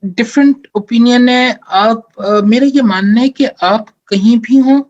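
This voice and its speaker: A man's voice: extremely high pitch, unhurried, a little mellow, muffled recording. A man giving career advice in a live question-and-answer workshop. He explains step by step, mixes English phrases into his speech and often checks in with "theek hai". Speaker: career advisor.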